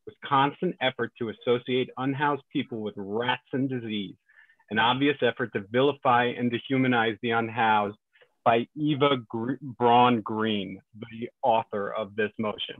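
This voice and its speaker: A man's voice: mid-range voice, fairly even intonation, moderate pace, no echo. A man delivers a prepared comment, asking rhetorical questions and answering them himself in an accusing tone. His voice comes through dry and tinny, like a phone line. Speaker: public commenter.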